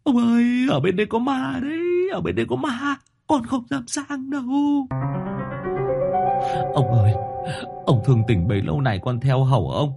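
Guy doing a scared young servant, high and whiny, begging his master. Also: sing-song, moderate pace, creaky, darkish tone, husky, soft background music, full character voice. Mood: pleading. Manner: begging, whimpering. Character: young male servant, beaten, terrified, pleading.

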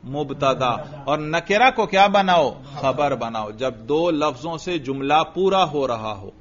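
A man teaching a grammar class, his voice pitched somewhat high and heard through a dull, lo-fi recording. He quizzes students with repeated questions and answers. Now and then he chants phrases slowly, almost in a sing-song. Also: lively intonation, fairly bright tone, a little hiss or hum. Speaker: religious teacher.

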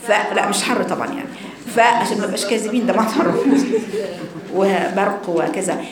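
A woman with an Egyptian accent teaching Quran recitation, correcting a student and chanting slow examples. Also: mid-range voice, reverberant, a loud crowd. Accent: Egyptian Arabic. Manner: corrective, alternates quick Egyptian speech with slow chanted demonstrations.

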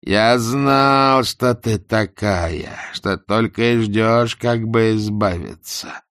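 A man voicing a drunk, despairing middle-aged prosecutor who rants and shouts. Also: on the low side, slow pace, smooth, no room sound, clean studio sound. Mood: ranting. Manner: loud, ranting, drunken shouting.

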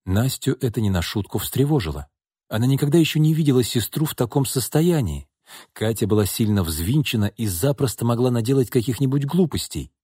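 A man reads an audiobook with an expressive, dramatic delivery. His intonation is lively and varied, at a medium pitch. The recording is dry and close. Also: fairly quick, breathy edge, no echo. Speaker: audiobook narrator. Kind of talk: scripted audiobook narration.

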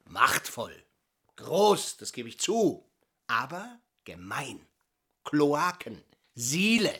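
An actor playing a pompous professor who declaims grandly in a radio drama. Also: male voice, on the high side, fairly bright tone, heavily acted. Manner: declamatory, sweeping oratory. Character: pompous old male professor, orating grandly.

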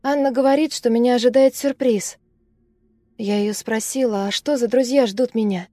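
A woman's voice: on the high side, normal speed, warm tone, no echo, natural voice. A woman voicing a frightened young female student who recalls a terrifying night in a fragile, breathless way. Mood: dreamy recollection.

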